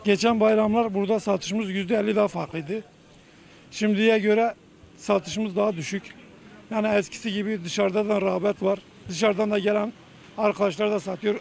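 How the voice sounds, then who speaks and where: A man's voice: high-pitched, steady tone, normal speed, gravelly, darkish tone. A male market trader, answering off the cuff in a street interview. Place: outdoors at a market.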